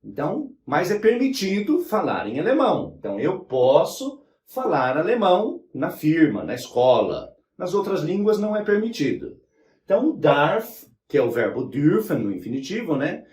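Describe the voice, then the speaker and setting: Slow, animated male language teacher. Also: on the high side. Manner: explains slowly, spelling out German forms, with frequent "né?" and "tá?". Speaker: German teacher. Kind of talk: whiteboard language lesson. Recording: roomy sound from a distant mic.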